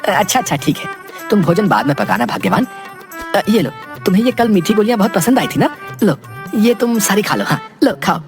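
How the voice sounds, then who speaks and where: An actor voicing a simple, scheming village husband in a cartoon, who talks to himself with chuckles and drawn-out exclamations. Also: mid-range voice, big pitch swings, music in the background.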